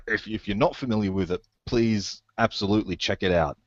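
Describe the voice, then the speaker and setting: A man's voice: fairly low pitch, moderate pace, bright, forceful tone, dry recording, muffled recording. A man in a casual podcast chat, rambling with enthusiasm as he recommends things.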